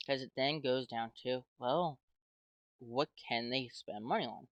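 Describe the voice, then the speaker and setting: A man's voice: mid-range voice, measured pace, fairly bright tone, dry recording. An American man rambling hesitantly in casual commentary as a YouTuber, talking his way through his thoughts with lots of "well" and "like". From United States. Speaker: YouTuber playing a game.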